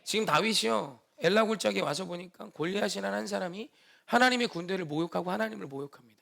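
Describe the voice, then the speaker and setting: A man's voice: sits high, fast talker, vocal fry, bright, forceful tone. A male pastor preaching a Sunday sermon with dramatic emphasis, sometimes acting out the people in the story. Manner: preaching with dramatic emphasis, acts out quoted speech.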